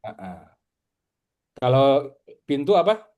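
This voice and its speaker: A man from Indonesia leads a relaxed Arabic class. His warm, dark-toned voice sits at an ordinary pitch. He drills each word patiently and slowly, so his students can follow. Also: lo-fi sound. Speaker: Arabic teacher. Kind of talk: casual online lesson.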